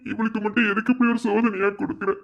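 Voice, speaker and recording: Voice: mid-range voice, flat delivery, racing, creaky, lightly acted. Earnest guilty young dad in a cartoon, praying hard, dull muffled audio, someone voicing him. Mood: grieving. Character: young husband and father, grieving and guilty.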